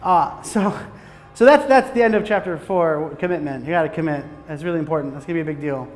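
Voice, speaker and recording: A man's voice: fairly high pitch, quick pace, in a large hall. A man from Michigan with an American accent, giving a casual, joking talk on filmmaking to a live audience. He speaks animatedly, swears freely and often restarts his sentences. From Michigan, USA. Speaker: film director giving a talk. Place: hot lecture room with an audience.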